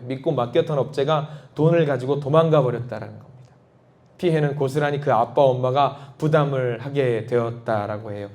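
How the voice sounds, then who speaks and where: A male pastor delivers a sermon in a church sanctuary. His voice sits a little high for a man. He tells his story by acting out the quoted voices, and his pitch leaps when he does.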